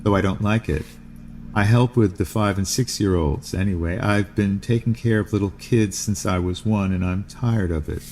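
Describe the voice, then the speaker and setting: A man, hosting a podcast, reading a first-person novel aloud in a measured, unhurried way, with allergies. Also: lowish voice, a little mellow, a little hiss or hum. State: sneezing from allergies.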